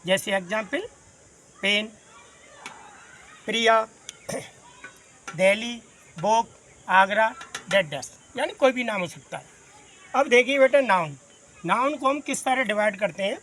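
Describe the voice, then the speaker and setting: A man's voice: high-pitched, animated, sharp tone, slight background noise. A man from Agra, India, teaching a grammar class in a patient way, explaining by listing many examples and calling his students "son". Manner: says he talks fast.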